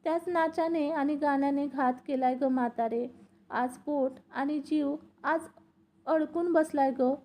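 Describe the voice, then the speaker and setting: A woman's voice: high voice, fairly even intonation, unhurried, a little mellow. A woman voicing a weary, grieving female tamasha dancer who pleads in rural village speech. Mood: sorrowful.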